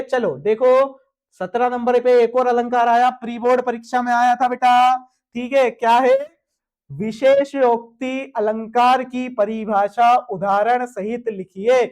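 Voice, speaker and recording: A young man teaching a grammar lesson for an exam, asking the students questions and answering them himself. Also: very high-pitched.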